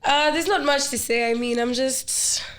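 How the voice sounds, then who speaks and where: A woman's voice: high-pitched, normal speed, very noisy. A young woman guest on a podcast in casual chat, bold and confident.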